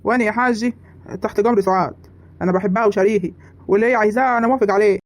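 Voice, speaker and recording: A voice actor with an Egyptian accent playing a meek young village husband in an animated comedy, earnest and pleading. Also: medium pitch, rapid-fire, close to an everyday voice.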